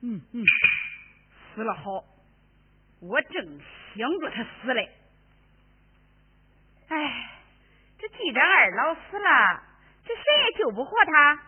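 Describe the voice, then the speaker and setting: A scheming, greedy sister-in-law. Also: female voice, high voice, big pitch swings, slow, pauses often, a little hiss or hum, exaggerated voice. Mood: scornful. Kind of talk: Henan opera spoken dialogue. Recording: tinny phone-like recording.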